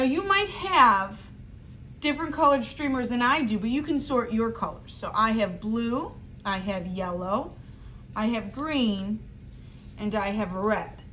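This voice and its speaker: A woman with a high voice speaks as a teacher to young children, giving simple craft instructions one step at a time. She addresses the children directly. There is clear noise behind her voice. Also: a bit bright, rough recording.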